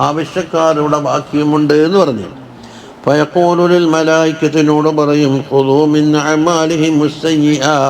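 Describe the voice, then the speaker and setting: A man teaching a religious class, chanting Arabic text slowly and then explaining it in quick asides with questions to his listeners. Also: fairly high pitch, low-quality recording. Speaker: Islamic scholar teaching Quran commentary.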